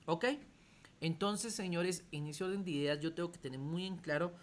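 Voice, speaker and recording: A man's voice: on the high side, moderate pace. A man teaching a computer class over a video call, explaining step by step and often checking that students follow. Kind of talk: online class lecture.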